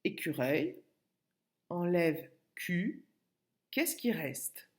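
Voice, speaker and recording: A woman's voice: lowish voice, very animated, very slow. A woman with a French accent, a kindergarten teacher recording a lesson for a child at home and breaking words into syllables patiently.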